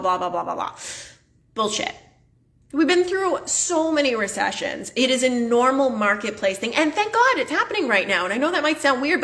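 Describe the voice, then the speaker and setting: A woman's voice: on the high side, fairly bright tone. A woman hosting a motivational podcast, talking bluntly and emphatically, swearing casually and filling her talk with "like". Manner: chatty, many "like" fillers. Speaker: podcast host and business coach.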